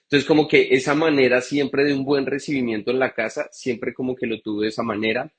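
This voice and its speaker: A man's voice: medium pitch, flat delivery, fairly quick, slightly rough. A man from Bogotá with a Colombian accent, a guest bartender telling his story in a chatty live interview over a video call. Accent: Bogotá Colombian Spanish. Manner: chatty, frequent fillers and restarts.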